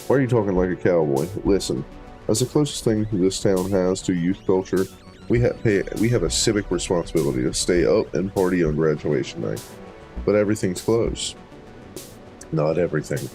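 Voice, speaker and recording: Deep-voiced guy doing a let's play, reading out all the game lines in goofy voices, mellow relaxed tone. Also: moderate pace, faint music behind. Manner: reads every character's lines with playful voices and casual asides. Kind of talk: reading game dialogue aloud while playing.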